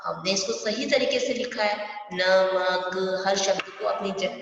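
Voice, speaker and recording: A woman's voice: medium pitch, normal speed, gravelly, noisy background. A woman teaching an online primary school Hindi class, explaining step by step and often asking her pupils questions. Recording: distant, echoey, dull room recording.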